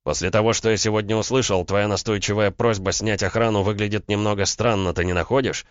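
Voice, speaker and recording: A bitter, menacing young man, raised in pitch and loud, barking his words, as the reader voices him. Dry, slightly dull sound. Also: fairly even intonation, brisk, clear, resonant tone, dry recording, close to an everyday voice. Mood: demanding. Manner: barking, venomous.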